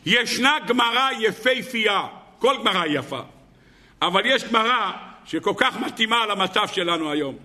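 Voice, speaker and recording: Male rabbi giving a sermon, high bright voice, lively storyteller. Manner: animated storytelling with rhetorical questions. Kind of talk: Torah lesson sermon.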